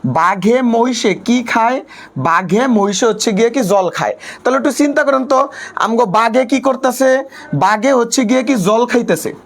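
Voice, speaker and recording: A man's voice: very high-pitched, moderate pace. A young man with a colloquial Bangladeshi Bengali accent teaching an online exam-prep class, asking questions and answering them himself while repeating a habitual filler phrase.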